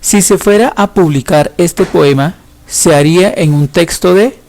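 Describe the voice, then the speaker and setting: A male teacher walks students through a lesson, patient and explanatory, pausing to think aloud. His voice sits a little high for a man and carries a gravelly edge. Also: a little mellow. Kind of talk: recorded school lesson.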